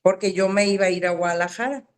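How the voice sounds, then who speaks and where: A woman's voice: mid-range voice, fast talker. A woman, a student chatting casually and often tagging her sentences with questions. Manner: chatty, adds tag questions. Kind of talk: casual chat.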